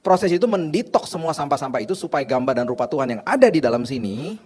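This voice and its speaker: Fast-talking pastor, man. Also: a little high, animated, darkish tone, slightly rough. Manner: chatty storytelling, acts out dialogue. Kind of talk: casual sermon.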